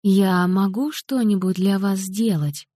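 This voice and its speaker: A woman's voice: mid-range voice, takes it slowly, warm tone, husky, no room sound, clean studio sound. A woman reading an audiobook, voicing a polite, guarded female police liaison officer. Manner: polite, formal.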